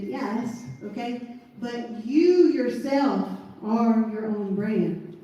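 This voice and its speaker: Echoey, folksy woman with deep Southern accent. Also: warm tone. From southern United States. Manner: folksy, emphatic, repeats check-in tags like okay and all right. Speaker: motivational business trainer. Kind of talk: informal motivational presentation to a group. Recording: echoey room, distant mic, faint noise.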